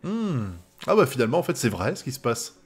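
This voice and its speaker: A man from France reacts live to an anime episode, his voice swinging wildly between low mutters and high outbursts. He swears freely and keeps bursting out laughing. Faint music from the show plays underneath. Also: very animated, a little fast, breathy edge.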